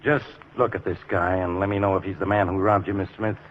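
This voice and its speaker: An actor playing a blunt, exasperated police inspector with an American accent and brusque, slangy delivery in 1940s radio crime style. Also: male voice, sits low, fairly even intonation, quick pace, heavy background noise, lightly acted. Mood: businesslike. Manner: brusque, slangy tough cop. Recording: muffled, dull 1940s radio recording.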